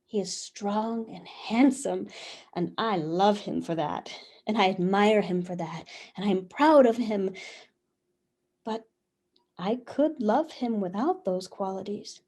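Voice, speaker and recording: A woman's voice: mid-range voice, dark tone. An actress playing Eve as a passionate young wife, speaking earnestly and lingering over her words over a video call. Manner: earnest, lingering, heartfelt delivery. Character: first woman, passionate devoted young wife. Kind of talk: theatrical reading of a one-act play.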